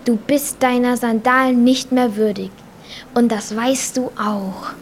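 A woman's voice: a little high, steady tone, measured pace, slight background noise. A woman playing a scornful, gloating schoolboy villain in a children's audio drama.

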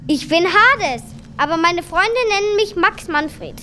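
A woman's voice: very high-pitched, animated, unhurried, sharp tone, a little hiss or hum, heavily acted. A woman playing a gleeful, petulant, childlike god of the underworld in a children's audio drama. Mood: gleeful, teasing. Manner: childlike, exclamatory, teasing.

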